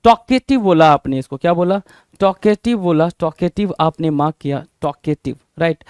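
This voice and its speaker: High-voiced animated male vocabulary teacher. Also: normal speed, clean tone, no echo, studio quality. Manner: animated, repeats words with quiz-like questions. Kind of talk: Hinglish vocabulary lesson.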